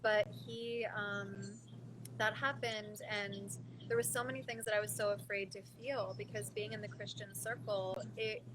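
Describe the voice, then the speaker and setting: Female podcast host, mid-pitched, earnest and chatty, recorded with loud vehicle noise in the background. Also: steady tone, measured pace. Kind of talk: conversational interviewing.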